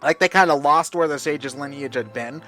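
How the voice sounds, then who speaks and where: A man's voice: fairly high pitch, normal speed, sharp tone, faint music behind. A young man hosting a casual game discussion, enthusiastic and rambling with lots of fillers. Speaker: host.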